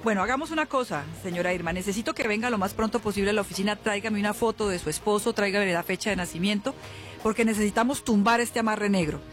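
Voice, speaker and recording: On a live radio call-in, a woman acting as a spiritual healer gives psychic consultations and promotion, consoling callers warmly and familiarly. She speaks fast in a mid-range voice over a music bed.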